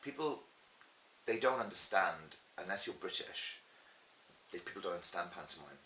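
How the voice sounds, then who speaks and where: Speaking at a normal pace, this middle-aged man has a low, expressive voice that sounds pushed and bright. As a pantomime performer sharing interview anecdotes, he comes across chatty, theatrical and emphatic. There's roomy echo with a faint hiss behind him.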